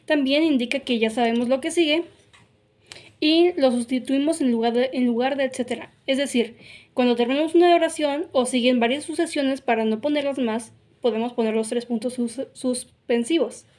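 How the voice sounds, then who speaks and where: Woman, fairly high voice, grammar lesson, patient explanations. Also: normal speed, a little mellow. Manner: explanatory, frequent "ok?" and "claro" fillers. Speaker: teacher.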